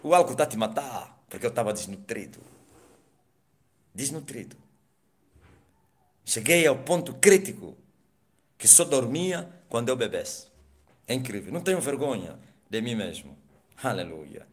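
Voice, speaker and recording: A man, an apostle, telling his conversion testimony in preaching style, swinging from loud exclamations to hushed asides and dropping hallelujahs. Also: medium pitch, very animated, measured pace, long pauses. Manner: peppers speech with hallelujahs and laughs.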